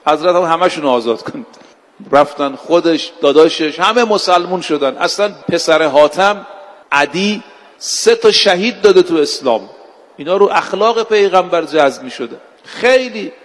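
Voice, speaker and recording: A man giving a sermon, telling religious stories with slow, emphatic delivery and dramatic pauses. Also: a little high, in a large hall. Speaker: preacher. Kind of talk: sermon storytelling.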